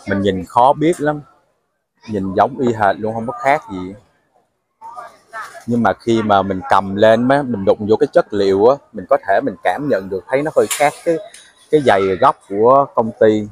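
A man's voice: lowish voice, normal speed. A man narrating a casual travel vlog, chatting to viewers as he walks through a crowded night market. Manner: chatty, explains to viewers with fillers. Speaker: travel vlogger.

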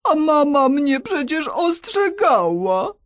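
Woman putting on a booming little vampire boy. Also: big pitch swings, no echo, clean studio sound, exaggerated voice. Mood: sulky. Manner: loud, drawn-out, booming delivery. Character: little male vampire, theatrical, menacing, sulky.

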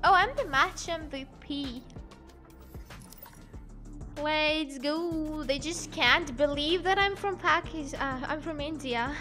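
High, bright-voiced woman streamer. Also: slow pace, faint music behind. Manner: playful, laughing easily. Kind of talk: casual gaming livestream chat.

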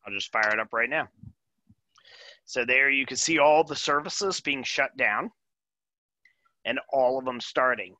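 A man giving a casual live software demo over a video call, thinking aloud and often asking "right?". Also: medium pitch, dry recording. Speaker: presenter demoing software.

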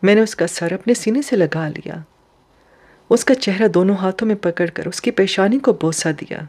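A woman reading a novel aloud as an audiobook narrator, with steady storytelling. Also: medium pitch.

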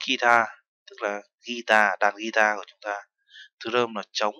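A man's voice: on the low side, little pitch movement, measured pace, pushed and bright, dry recording, lo-fi sound. A man teaching a language lesson, explaining terms step by step and mixing in foreign words. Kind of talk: lesson narration.

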